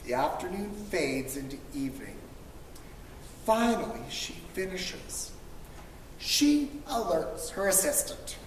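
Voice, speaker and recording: Slow-paced woman reading in an echoey room. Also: lowish voice. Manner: expressive, dramatic emphasis with drawn-out words. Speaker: storybook reader for school children. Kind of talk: animated read-aloud of a children's picture book. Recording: distant mic, echoey reverberant room, faint noise.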